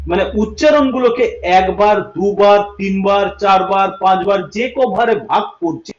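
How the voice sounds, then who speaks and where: High-voiced man teaching in an echoey room. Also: a little mellow. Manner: repeats points, checks understanding with questions. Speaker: English teacher. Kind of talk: livestream lesson. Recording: echoey room, dull lo-fi sound.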